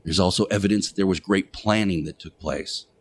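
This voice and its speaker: A radio show host with a deep voice delivers a sermon-like monologue, emphatic and preachy, leaning on deliberate rhetorical repetition.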